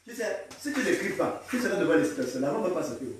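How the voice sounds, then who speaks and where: A male pastor preaches with a fairly high voice, urging his congregation to answer him back and now and then rising to a shout. His voice booms around a big, echoing church. The mic sits well away from him. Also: expressive, rapid-fire. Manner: exhorting, repeats lines for the crowd to echo, breaks into shouts. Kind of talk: call-and-response sermon. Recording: very echoey hall, mic far off.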